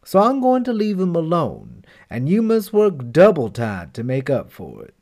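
A man voicing a stern grown man in charge in a storybook reading, delivering a ruling in a calm, firm tone. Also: a little high, normal speed, exaggerated voice.

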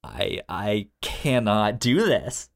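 His voice is fairly low and gravelly, expressive, and he takes his time while chatting as a podcast co-host. Telling stories casually, he stutters at the starts of words and performs the conversations he describes.

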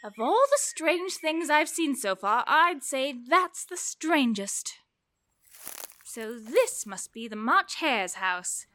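Curious little alice, polite, wonders aloud, high bright voice. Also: female voice, sing-song, slow, full character voice. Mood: wondering. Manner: wondering, polite, talks to herself. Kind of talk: audio drama acting.

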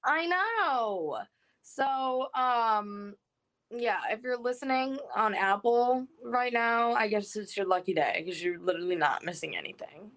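A woman's voice: on the high side, a little slow, a bit bright. A young woman, a co-host, chatting casually and saying "like" a lot, her voice coming through a phone connection. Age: young adult. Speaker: podcast co-host. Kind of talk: casual chat.

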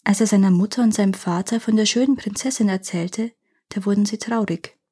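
A woman reading a fairy tale aloud in a clear, measured storytelling manner. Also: medium pitch, warm tone.

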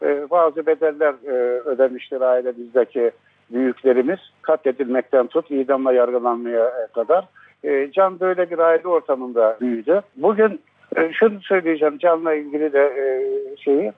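A man in his seventies speaking as a radio guest over a landline phone, slow and halting with many filler pauses. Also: mid-range voice. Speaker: guest, father of a jailed lawyer. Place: at home, on the phone. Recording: tinny narrow phone line.

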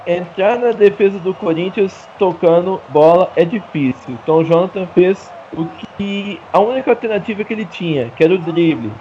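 High-pitched Brazilian male football analyst, dull sound. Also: moderate pace, hardly any pauses, mellow. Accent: Brazilian Portuguese. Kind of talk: live match analysis, conversational. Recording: dull band-limited sound, stadium noise.

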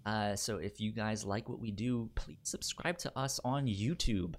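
Speaking casually as a podcast co-host, the man stutters on word onsets and keeps repeating words and syllables haltingly. His pitch is on the low side, and there's slight background noise.

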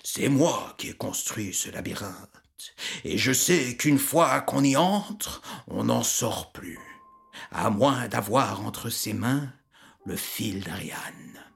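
A woman voicing a wise old father in a storybook reading, solemn and measured. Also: very deep voice, expressive, creaky, heavily acted.

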